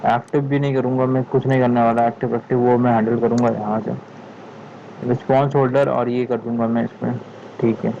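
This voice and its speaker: Male coding tutor, casual and deliberate, thinks aloud, lo-fi recording with faint hiss. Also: medium pitch, darkish tone. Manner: thinks aloud, frustrated muttering "yaar", frequent "theek hai"; speaks slowly on purpose.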